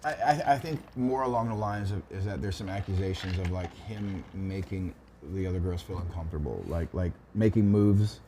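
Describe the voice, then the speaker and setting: A man's voice: deep voice, normal speed, noisy background. A man co-hosting a podcast, rambling and stammering in casual chat, swearing now and then. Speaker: podcast co-host.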